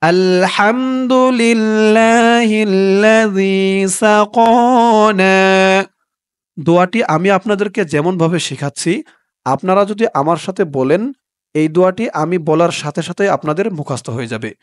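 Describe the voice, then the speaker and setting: A man giving a step-by-step recitation lesson, patiently spelling out sounds letter by letter and chanting the words slowly and drawn out. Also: on the high side, dry recording, clean studio sound. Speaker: religious teacher.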